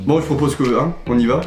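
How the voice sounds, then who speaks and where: Male sidekick commentator, mid-pitched, short dry quips, echoey sound, loud music underneath. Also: brisk. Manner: brief, dry, teasing remarks. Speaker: stand-in co-commentator. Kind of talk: casual commentary asides.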